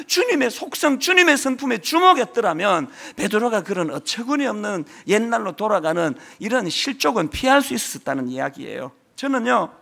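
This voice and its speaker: A man's voice: very high voice, gravelly, fairly bright tone. A male pastor preaching a sermon in an earnest, emotional way, asking many rhetorical questions.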